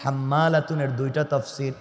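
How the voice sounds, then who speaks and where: A male preacher delivering a sermon, swinging between loud shouting and low, intense speech and putting rhetorical questions to his audience. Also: steady tone, fairly quick. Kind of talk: Islamic sermon. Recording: echoey hall with long reverb.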